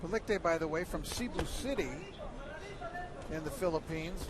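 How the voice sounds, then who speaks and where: A man's voice: fairly high pitch, moderate pace. A man calling a boxing match as a live play-by-play commentator at ringside. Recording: noisy arena, loud crowd behind.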